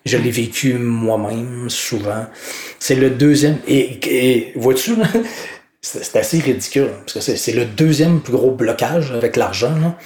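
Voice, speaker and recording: A man's voice: mid-range voice, measured pace. Québécois man, guest speaker, loose and spontaneous, chatty, laughs easily, roomy echo on the voice. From Quebec. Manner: spontaneous, animated, laughs often, says "là" a lot. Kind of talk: casual interview talk.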